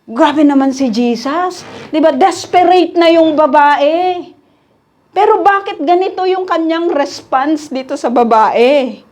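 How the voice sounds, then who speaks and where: Woman preacher with a high voice, chatty sermon. She checks in with her listeners and acts out people's pleas. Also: slow pace, a little mellow. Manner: conversational, keeps asking "di ba?", mixes in English; acts out prayers and pleas in quoted voices, laughs between points.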